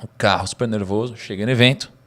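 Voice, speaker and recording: A man with a Brazilian Portuguese accent, a podcast guest telling a personal story in casual conversation. He is animated and uses slang, with bursts of laughter. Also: lowish voice, quick pace.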